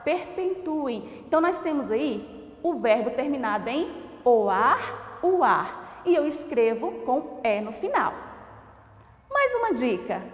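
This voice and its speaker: A woman teacher from Brazil leads a grammar lesson, slowly spelling out each word and asking her class whether they follow. Her voice is high and swings widely in pitch. The room around her is echoey with a long reverb tail. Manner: slow, didactic, sounds out words and asks the class questions.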